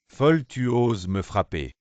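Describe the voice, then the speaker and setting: An actor playing a petty young groom, sneering and quarrelsome, in a mini-series drama. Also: male voice, mid-range voice, very animated, measured pace, darkish tone, no room sound, dull audio. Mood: angry.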